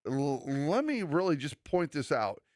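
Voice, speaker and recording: A man's voice: fairly high pitch, very animated, a little slow, darkish tone, no echo, clean studio sound. A man who is a pastor, co-hosting a church podcast in an earnest, conversational way, often restarting and acting out quoted remarks. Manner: earnest, preachy, many restarts and quoted asides.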